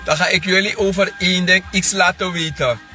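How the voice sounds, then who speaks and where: High, bright-voiced man. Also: steady tone, brisk, soft background music. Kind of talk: casual monologue to viewers.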